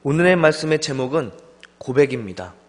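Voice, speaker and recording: A young man preaching a sermon as a junior pastor, telling stories with lively delivery and acting out the voices of friends. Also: medium pitch, fairly quick. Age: young adult. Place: church sanctuary. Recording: long church hall reverb.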